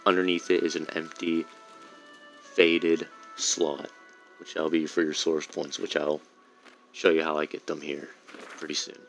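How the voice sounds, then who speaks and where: Deep voiced guy rambling through a game run, faint music under it. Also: flat delivery, a little slow, creaky, pauses often. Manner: rambling, self-correcting explanations. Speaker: gameplay streamer. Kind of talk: casual gameplay commentary.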